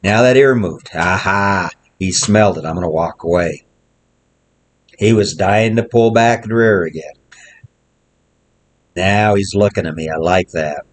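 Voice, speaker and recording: A man's voice: sits low, unhurried, pauses often. A male horse trainer gives plainspoken commentary while working a horse outdoors in the snow, repeating short coaching phrases. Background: wind.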